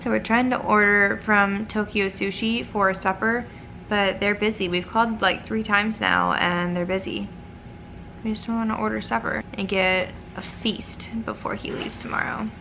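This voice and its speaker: A young woman hosting a casual home vlog, self-deprecating and quick to laugh. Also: medium pitch, steady tone, creaky, background noise. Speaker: vlog host.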